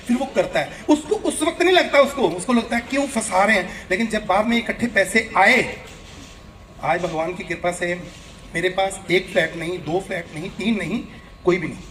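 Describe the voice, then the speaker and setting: Man doing stand-up, high voice. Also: fairly quick, bright, forceful tone. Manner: chatty, joking, acts out the people in his stories. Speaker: stand-up comedian. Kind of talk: live stand-up comedy. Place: event hall before an audience. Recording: live show with crowd noise. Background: audience laughter.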